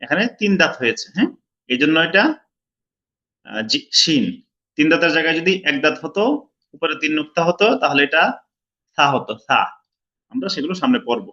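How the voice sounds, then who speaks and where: A male teacher giving an online lesson on how to pronounce letters, slowly and patiently repeating each sound and sometimes chanting it drawn out. He speaks with a Bangladeshi Bengali accent. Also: a little high, expressive, sharp tone, dull audio. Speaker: Quran recitation teacher.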